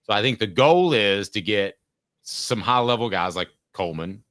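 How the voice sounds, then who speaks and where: A man hosting a sports talk show, chatting casually and thinking aloud in a measured way. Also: fairly low pitch, lively intonation, fairly bright tone, no echo, studio quality.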